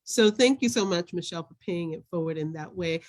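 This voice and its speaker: A woman's voice: on the low side, a little fast, a little mellow. A woman moderating a virtual panel over a video call, encouraging and asking follow-up questions.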